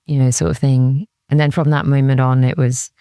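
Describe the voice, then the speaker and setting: Here a woman from Cardiff, Wales, a music industry executive, talks as an interview guest in a rumbling low, mellow, clean-toned voice. Her delivery is flat and fairly quick, and the studio sound is clean with no echo. She's reflective, candid and serious, often saying "like" and quoting her own thoughts.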